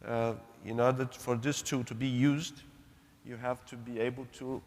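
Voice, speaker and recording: A man's voice: medium pitch, little pitch movement, normal speed, a little mellow. A man moderating a roundtable, polite and hesitant with many fillers. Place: large conference hall. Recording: reverberant hall.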